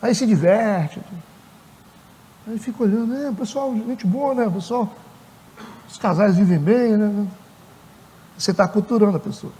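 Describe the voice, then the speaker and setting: High-voiced Brazilian pastor, lively sermon. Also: male voice, measured pace, long pauses, husky, big-room sound. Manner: animated, acts out dialogues in character. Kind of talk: conversational sermon. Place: church.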